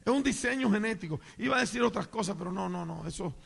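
Man, pastor preaching a sermon, bright piercing tone, long reverb of a church hall. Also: animated, fast, creaky, slightly rough. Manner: emphatic, swings between loud bursts and low asides. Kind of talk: preaching sermon with call and response.

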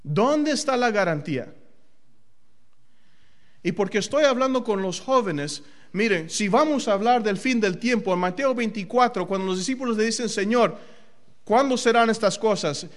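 High-voiced man preaching with call-and-response. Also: lively intonation, moderate pace. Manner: asks the audience questions and answers them; switches into English phrases now and then. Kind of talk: sermon.

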